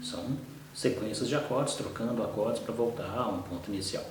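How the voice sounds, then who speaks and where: A man's voice: lowish voice, fairly quick, over music. Brazilian guy teaching a course, keeps asking ok? tá?, sounds far off the mic in a big echoey room. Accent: Brazilian Portuguese. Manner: explanatory, frequent "tá?" and "ok?" checks. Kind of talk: online course lecture.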